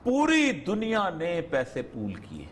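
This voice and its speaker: A man's voice: high-pitched, huge pitch swings. A man, a political analyst on a studio talk show, talking animatedly and acting out quotes in changed voices. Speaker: political analyst, program's regular guest.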